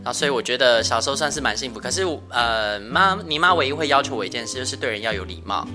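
A male podcast host with a soft, thin voice, chatting casually and laughing often with light self-mockery. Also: medium pitch, expressive, quick pace, over music. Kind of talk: casual family chat.

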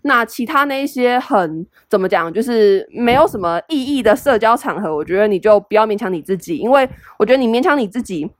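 A woman's voice: on the high side, expressive, brisk, few pauses, dry recording, studio quality. A young woman with a Taiwanese Mandarin accent, hosting a solo podcast in a chatty, self-deprecating way full of fillers. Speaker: podcast host. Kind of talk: casual solo podcast advice.

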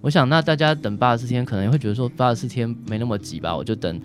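A doctor with a Taiwanese Mandarin accent answers questions as an interview guest, explaining things hesitantly and using frequent tag particles. His mid-range voice races along, with faint music in the background.

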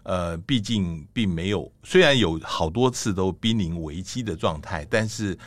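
A middle-aged male host with a very low voice and a Taiwanese Mandarin accent. He speaks reflectively and listens closely. The recording is dry and close to the mic. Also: expressive, moderate pace, no room sound. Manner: reflective, attentive listener with frequent "mm" backchannels. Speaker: talk show host. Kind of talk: interview conversation.

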